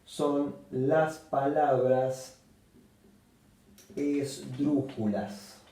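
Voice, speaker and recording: A man teaches a grammar lesson at a very slow, deliberate pace, repeating each example word. His voice is mellow and dark. He stands away from the mic in a strongly echoing room. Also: mid-range voice, fairly even intonation, far from the mic. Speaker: Spanish teacher.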